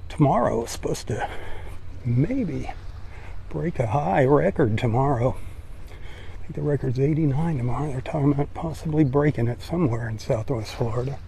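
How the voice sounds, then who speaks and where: An older man giving relaxed, admiring commentary on a live-streamed beach walk, recorded outdoors on a phone he carries. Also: mid-range voice, normal speed, vocal fry, slight background noise. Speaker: vlogger walking the beach. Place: outdoors on a sandy beach by the sea. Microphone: phone held while walking.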